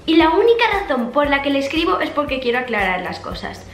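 High-voiced young woman vlogging. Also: sing-song, fast talker, a bit bright, slight background noise. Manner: chatty, dramatic, reads messages aloud with punctuation. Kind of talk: casual storytelling, reading text messages aloud. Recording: echoey room with faint background music.

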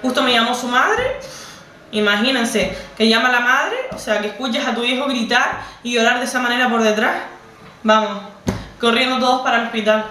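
A young Canarian woman tells a personal story straight to camera. Her voice sits a little high for a woman. She keeps circling back and repeating herself as feeling builds. The sound is roomy and set back from the mic. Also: fairly quick, bright, forceful tone, distant mic, a little hiss or hum. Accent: Canarian Spanish. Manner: emotional, repetitive, conversational retelling. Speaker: vlogger.

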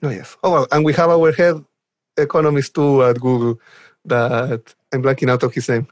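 In a dry recording, a man from Chile with a Chilean Spanish accent speaks in a mid-range voice with a level tone and normal speed. He's a software developer advocate guesting on a casual podcast chat, enthusiastic and chuckling as he goes.

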